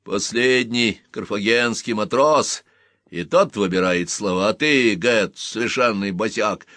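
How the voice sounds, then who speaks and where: A man's voice: on the low side, measured pace, fairly bright tone, dry recording, studio quality. A man voicing a shy, mumbling young soldier. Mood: gruff. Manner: shy, grumbling.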